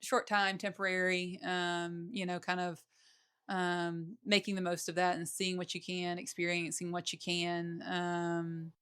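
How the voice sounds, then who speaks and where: A woman's voice: fairly low pitch, flat delivery, unhurried, fairly bright tone, clear, resonant tone. A woman with a Southern accent, a podcast guest, talking in a reflective, hesitant way with many fillers. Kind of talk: casual conversation.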